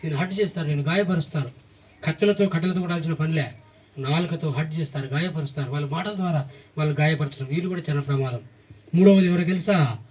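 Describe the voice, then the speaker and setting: A man's voice: fairly high pitch, fast, darkish tone, far from the mic. A man preaching a sermon, emphatic, reeling off repeated lists and firing questions at the congregation.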